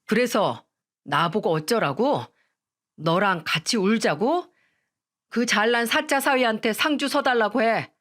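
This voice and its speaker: A woman with a slightly high, a bit bright voice reads a radio story at an unhurried pace, playing a bitter divorced man. In character, he scornfully scolds his ex-wife with contempt.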